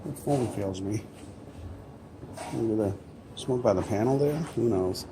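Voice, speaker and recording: A man's voice: on the low side, a little slow. Man muttering offhand commentary over background noise. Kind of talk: casual running commentary. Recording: clear background noise, vehicle ambience.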